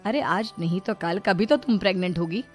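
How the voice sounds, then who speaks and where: A woman's voice: medium pitch, a little fast, darkish tone, faint music behind, natural voice. A woman voicing a middle-aged mother-in-law, motherly and persuasive, fretful but firm, in a comic family story. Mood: firm, scheming.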